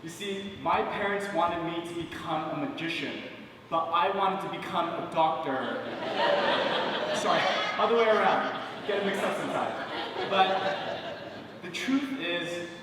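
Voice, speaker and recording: A man's voice: fairly high pitch, unhurried, heavy background noise. A young man in his twenties performing stage magic patter, joking playfully with an audience volunteer in a large theater. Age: 20s. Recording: echoey theater hall, distant mic.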